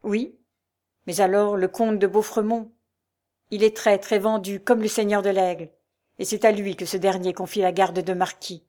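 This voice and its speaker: A woman reading as a steady, earnest captain. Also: medium pitch, moderate pace, close to an everyday voice.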